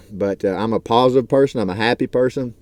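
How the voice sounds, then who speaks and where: Talking brisk and casual from his truck, a trucker-YouTuber in his thirties rambles earnestly to his vlog, full of filler words. The pitch is medium, the tone a little mellow, and the recording is dry.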